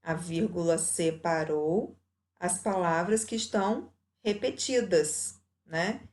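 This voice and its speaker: Slow, patient woman teacher. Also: fairly low pitch, a little mellow. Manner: slow, patient explaining with examples. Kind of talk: recorded grammar lesson.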